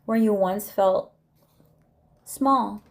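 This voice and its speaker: A woman's voice: mid-range voice, extremely slow. A woman delivering an inspirational faith-based monologue to camera, emphatic and drawn out, with some words dropped to a near whisper. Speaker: vlogger.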